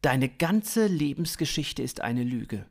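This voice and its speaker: A skeptical earthling man with a dry, wry way of talking, read by a male narrator. His pitch moves around a lot while his pace stays slow and deliberate. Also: sing-song, darkish tone, heavily acted.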